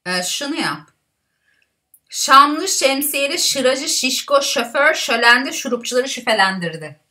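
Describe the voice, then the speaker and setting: A woman's voice: sits high, animated, a little slow, pushed and bright. A young woman in casual chat, recorded at home on a webcam. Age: young adult. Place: small room at home.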